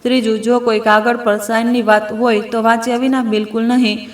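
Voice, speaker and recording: A woman voicing a calm, cautious female doctor who gives careful instructions in a storybook reading. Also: on the high side, a little fast, lightly acted. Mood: calm warning. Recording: echoey room.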